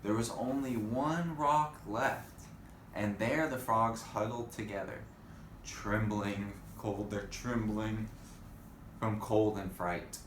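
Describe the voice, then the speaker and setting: Taking his time, a man reads a story aloud to children in a lowish, fairly bright voice with mostly even intonation, though he still reads expressively and chats with his young listeners. The recording has room echo and faint noise behind it.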